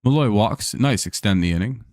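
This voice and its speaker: A man with a lowish, animated, slightly mellow voice calls baseball plays at a moderate pace on a live stream, with studio-quality audio and no room sound. He keeps things laid-back and jokey, chatting with viewers between plays, and his voice is a little worn from talking all day.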